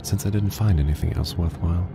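A man voicing a weary, grim private detective who narrates a horror game in a slow, flat storytelling manner. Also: heavy background noise. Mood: brooding. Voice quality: very deep, gravelly. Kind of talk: scripted noir narration. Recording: game audio under loud music. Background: game music.

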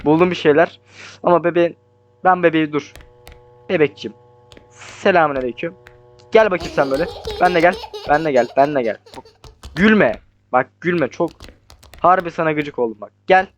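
A young man commentating his horror game playthrough, talking nervously to the monster and swinging between hushed mutters and startled yells. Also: on the high side, moderate pace, long pauses. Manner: jumpy, talks to the monster, swings from hushed to yelling. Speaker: gaming YouTuber.

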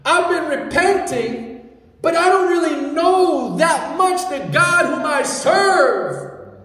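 Male preacher in his thirties, high-pitched and fervent, shouting at the peaks of a sermon; heard from a distance in a very echoey hall. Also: lively intonation, slow pace, soft background music. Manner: fervent, rising to shouts at climaxes. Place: large church hall, indoors. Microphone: handheld mic.

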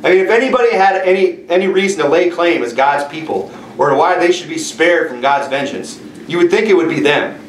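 A middle-aged man preaching a sermon, reading scripture slowly and emphatically in a small church room. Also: fairly high pitch, expressive, a little hiss or hum. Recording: echoey room from far off.

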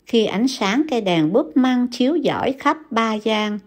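A woman narrator reading a classic novel aloud in a calm, measured storytelling voice. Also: on the high side. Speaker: audiobook narrator.

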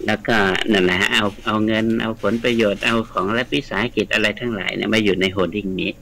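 A man's voice: lowish voice, steady tone, fast, vocal fry, pushed and bright, slight background noise, poor audio. A man, a guest scholar, explaining at length in a radio studio interview, chatty and lecturing, with frequent polite particles. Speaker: guest scholar of the Mekong region.

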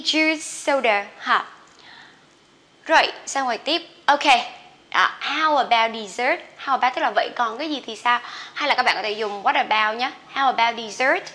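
Woman English teacher, Vietnamese accent, bright higher voice, slow drilling with chatty asides. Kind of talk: bilingual vocabulary lesson.

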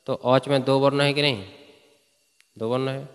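A man's voice: medium pitch, fairly even intonation, slow, long reverb tail. A man teaching Sanskrit grammar to a class, chanting verses and quizzing students with frequent questions. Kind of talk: classroom lecture.

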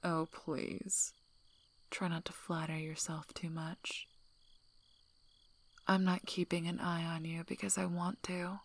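Here a woman performs an ASMR role-play as a guarded female werewolf pack leader. Her soft, husky half-whisper sits fairly low, heavy with fry and showing little pitch movement, and she sounds dry, slow-paced and wryly protective.

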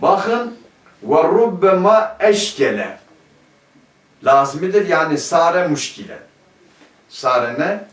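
A man's voice: fairly high pitch, sing-song, slow pace, long pauses, fairly bright tone. A man teaching a grammar lesson, asking his class questions and answering them himself. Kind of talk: classroom lecture. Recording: echoey room, mic at a distance.

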